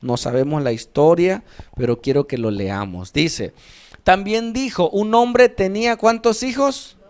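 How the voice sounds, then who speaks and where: A male pastor teaches how to build a sermon, walking listeners through scripture line by line. His voice sits fairly high for a man and he speaks slowly, often throwing out a question and answering it himself. He reads the scripture passages with raised emphasis. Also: darkish tone, smooth. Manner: asks the audience questions and answers them himself.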